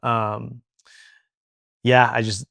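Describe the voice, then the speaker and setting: A man's voice: mid-range voice, little pitch movement, extremely slow, vocal fry, fairly bright tone, dry recording, studio quality. A young man from Venezuela with no accent, talking candidly as an interview guest, chatty and full of fillers. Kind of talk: casual interview talk.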